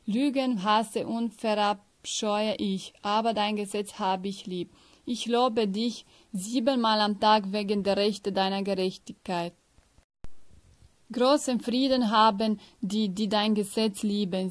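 A woman reading a psalm aloud in slow, measured phrases, now and then stumbling over a word and starting it again. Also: mid-range voice. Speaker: scripture reader.

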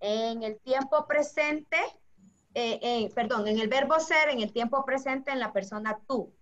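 A woman's voice: a little high, measured pace, a bit bright. A woman teaching a class to children, patient and affectionate, walking them through a table of verbs. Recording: dull lo-fi audio.

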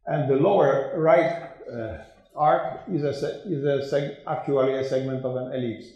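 An older man giving an academic conference lecture, slow and hesitant with many fillers and restarts, in a dark lecture room. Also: mid-range voice, very echoey, lo-fi sound. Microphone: room microphone.

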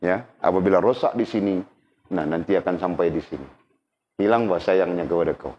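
A man's voice: low-pitched, brisk, a little hiss or hum. A man giving a casual religious lesson, talking conversationally and often checking that his listeners follow. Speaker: religious teacher. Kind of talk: casual teaching talk. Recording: dull lo-fi recording.

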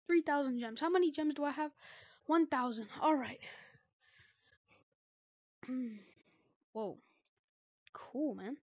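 A woman with a high, light voice gives casual, excitable gameplay commentary, full of slang as she explores a new game. The sound is close and dry, like a headset mic with no room around it. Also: slow pace, pauses often, dry recording. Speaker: gaming video creator.

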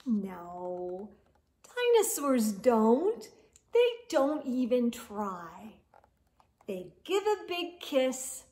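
Reading a picture book aloud for little ones, a woman in her forties draws out words with lively emphasis. Her voice is high and her pace relaxed. She's indoors in a small room with bookshelves along the walls.

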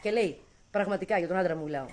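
A woman's voice: lowish voice, darkish tone. A woman in her late thirties, chatting casually and teasingly to her viewers while vlogging with her family at home and out at a tavern. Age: late 30s. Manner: chatty, talks straight to viewers, teasing asides. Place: home and outdoor tavern at night.

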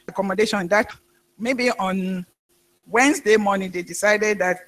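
A woman pastor preaching a sermon, telling a story in a halting way with frequent restarts. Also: medium pitch, a bit bright.

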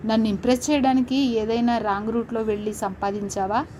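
A proud young wife who speaks with a cool, firm self-respect, played by a woman narrator. Her voice is a bit high. Faint background noise sits under the reading. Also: level tone, a little fast, warm tone, close to an everyday voice.

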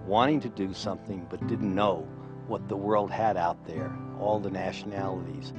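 A man's voice: sits low, moderate pace, music in the background. A man in a documentary interview, emphatic and reflective.

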